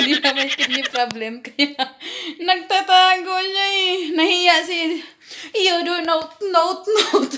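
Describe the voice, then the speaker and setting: A woman's voice: very high-pitched, fairly bright tone, reverberant. A woman vlogging at home, chatting to viewers in a teasing, laughing storytelling manner. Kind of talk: casual vlog talking to viewers. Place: home indoors.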